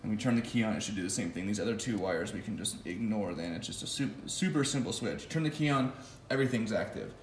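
This vlogger, building an electric motorcycle, has a voice on the low side and talks fast and animatedly, barely pausing as he casually walks through his bike's wiring. Recorded close on a phone in his home garage, he thinks aloud with fillers and restarts, while the room echoes and a little hiss or hum sits underneath.

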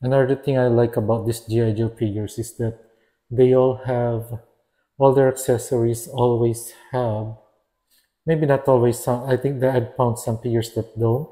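A man's voice: mid-range voice, fairly even intonation, normal speed, dark tone. A man reviewing an action figure in a casual, hesitant way, often stopping to restart and correct himself. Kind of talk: casual product review narration.

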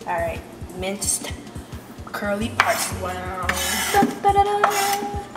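A woman's voice: mid-range voice, sing-song, takes it slowly. Woman chef teaching in a kitchen. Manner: instructive, step-by-step. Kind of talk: cooking demonstration. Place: home kitchen. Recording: roomy distant camera audio with loud music. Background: loud background music.

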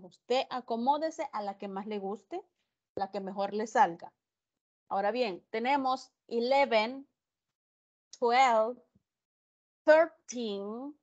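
A woman's voice: fairly high pitch, darkish tone, highs cut off. A woman teaching an English class online, explaining patiently and repeating the numbers. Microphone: video call.

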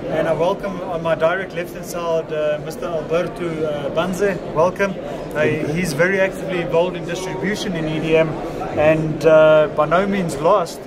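A man's voice: a little high, fairly even intonation, moderate pace. A middle-aged man conducting a formal interview in a wordy, emphatic way. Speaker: event interviewer. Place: indoor conference interview booth. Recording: loud trade show floor noise.

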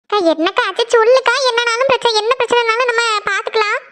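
Cartoon role: supportive younger sister, voiced by a performer, shrill and fast-talking, gently persistent. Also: fairly even intonation, very noisy. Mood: coaxing. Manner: coaxing, reassuring, rapid questions. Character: caring younger sister comforting her elder sister. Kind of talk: Tamil cartoon series dialogue.

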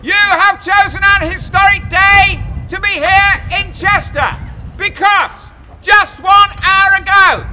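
An older man proclaiming as a town crier, loud, theatrical and jovial, to people in the street. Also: extremely high pitch. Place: outdoors on a busy city shopping street. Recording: noisy outdoor street with crowd. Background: crowd and street noise.

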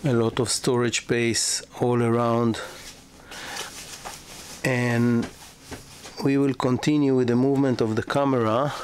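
This is noisy outdoor camera audio of a man, a yacht broker, narrating a walkthrough of a moored sailboat in a marina, above and below deck. His medium-pitched voice is a little mellow with little pitch movement. He goes slowly, pausing often, using fillers, and starting his sentences over.

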